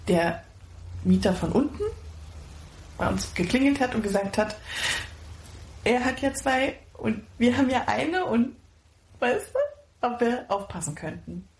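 Excitable woman podcast co-host, gushing, casual chat, roomy sound. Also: fairly high pitch, unhurried, long pauses. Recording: echoey room.

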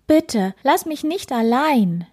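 A woman voicing a loyal, emotional young hare in a storybook, with a high, pleading voice. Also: big pitch swings, slow pace, a little mellow, slightly rough, full character voice.

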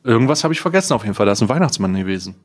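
A man hosting a casual chat, excitable and scatterbrained as he unboxes an advent calendar, laughing often. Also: fairly low pitch, racing. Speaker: podcast host.

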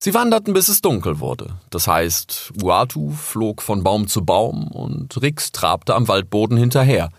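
A man narrating an animal story audiobook with expressive, lively storytelling. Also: on the low side, unhurried, hardly any pauses, dry recording, clean studio sound.

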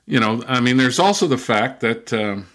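An older man speaks as an interview guest, telling stories in a reflective, anecdotal way. He tends to slip into a loud, lecturing professor's voice. His pitch sits in a typical middle range for a man. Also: animated, normal speed. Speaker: guest, professor and former missionary. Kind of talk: conversational interview storytelling.

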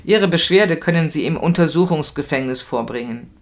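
A woman's voice: low voice, lively intonation, moderate pace. Woman reading a curt male official. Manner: brusque, dismissive.

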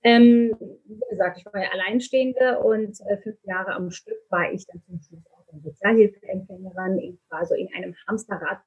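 A woman's voice: medium pitch, steady tone, normal speed, breathy edge, highs cut off. A middle-aged woman from Turkey, speaking candidly and earnestly as an interview guest, with many fillers. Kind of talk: conversational interview.

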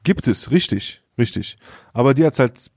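A man's voice: mid-range voice, lively intonation, moderate pace, gravelly, darkish tone, breathy edge, dry recording. Young man, podcast host, slangy storyteller who laughs a lot, dry close sound. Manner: slangy, laughs often, acts out quoted dialogue. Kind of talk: casual storytelling chat.

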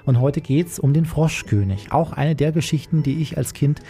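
A man's voice: fairly high pitch, normal speed, vocal fry, dark tone. A man co-hosting a bedtime story podcast, chatting in a laid-back, sleepy way. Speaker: podcast co-host. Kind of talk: casual chat and story reading.

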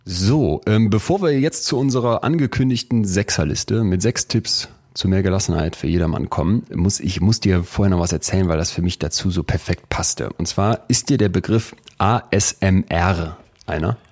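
A man hosting a podcast in casual, chatty talk, with a husky voice. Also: sits low, moderate pace, a little mellow. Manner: at times drops into a breathy whisper. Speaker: podcast host.

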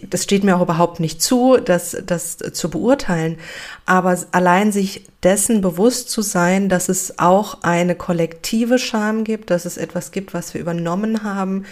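Low-pitched woman host asking questions. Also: darkish tone. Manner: engaged, summarizing and asking questions. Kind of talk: interview conversation.

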